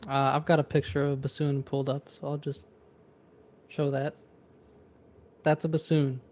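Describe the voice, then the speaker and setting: A man's voice: on the high side, little pitch movement, normal speed, darkish tone. A man hosting a casual online meeting. He introduces each speaker and makes light, teasing comments. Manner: friendly, light teasing remarks. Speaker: meeting host.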